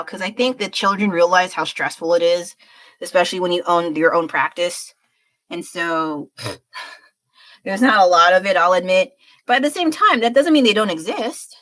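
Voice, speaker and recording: A woman's voice: mid-range voice, fairly bright tone, low-quality recording. A woman chatting casually on a livestream while she paints, frank and rambling, a little unwell. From United States. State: slightly unwell. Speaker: streamer.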